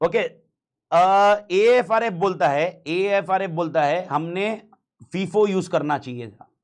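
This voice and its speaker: A man teaching an audit class in Hindi with an Indian accent, slightly hoarse, emphatic and repeating key phrases over and over. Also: sits high, slow. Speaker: audit lecturer. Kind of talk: classroom lecture.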